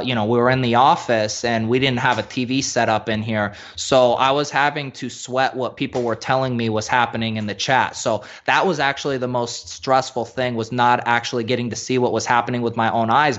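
A man's voice: medium pitch, fairly bright tone, dull audio, close to an everyday voice. A man putting on a cocky bragging fantasy bro. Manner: brash, calls everyone dude.

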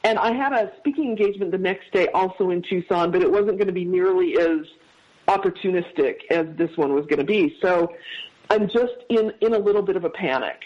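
A man as a podcast guest, telling a personal story in a heartfelt, halting way with many restarts. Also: high voice. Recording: dull lo-fi sound.

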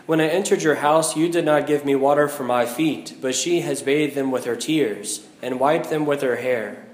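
American priest, echoing in a big church. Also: male voice, medium pitch, moderate pace. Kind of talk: liturgical Gospel reading and homily. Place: inside a large church. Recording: echoing large church hall.

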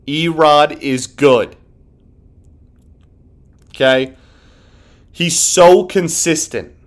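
On a sports podcast, the host talks in an emphatic, casual manner, frequently restarting sentences and saying things twice. His voice is medium in pitch.

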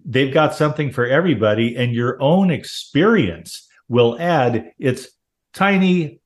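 A man's voice: medium pitch, lively intonation, measured pace. Conversational male radio host. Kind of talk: casual radio interview.

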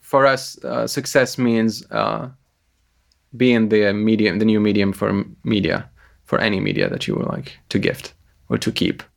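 A man founder pitching his company to investors, answering in a hesitant, halting way with many fillers. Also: lively intonation, vocal fry. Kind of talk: business pitch conversation.

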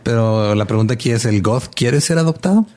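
A man's voice: mid-range voice, animated, a little fast, a little mellow. A man co-hosting a podcast, laid-back and joking, full of slang. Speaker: podcast co-host. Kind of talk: casual podcast chat.

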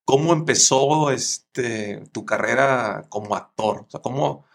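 A man's voice: medium pitch, slow pace, gravelly. A man hosting a podcast, asking questions with frequent restarts and repeated words. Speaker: podcast host. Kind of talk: interview questions.

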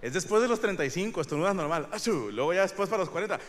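A middle-aged Mexican man rambles through a crude, self-mocking stand-up set and now and then breaks into loud shouts. His voice sits a little high for a man. The live recording carries plenty of background noise. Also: expressive, rapid-fire, long reverb tail. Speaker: stand-up comedian. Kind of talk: stand-up comedy monologue. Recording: noisy live stage recording. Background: audience laughter.

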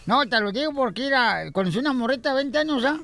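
A man's voice: extremely high pitch, lively intonation, quick pace, creaky, sharp tone, soft background music. A man hosting a radio comedy show, cracking slangy jokes and bantering. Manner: rowdy slangy wisecracking.

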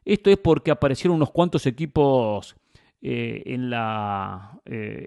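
Emphatic man, higher-pitched sports commentator. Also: darkish tone, no room sound, clean studio sound. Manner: emphatic, rhetorical questions and repetition. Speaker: football commentator and host.

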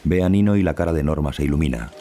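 A man reading scripted audio description in a calm, even voice. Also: racing, faint music behind. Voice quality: very deep and gravelly.

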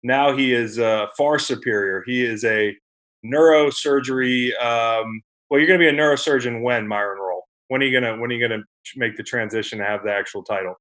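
A man in his thirties hosts a podcast interview. He talks in a loose, conversational way with plenty of fillers and sounds openly admiring. His voice sits at an ordinary middle pitch. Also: brisk, a bit bright. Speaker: podcast host. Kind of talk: casual interview chat.

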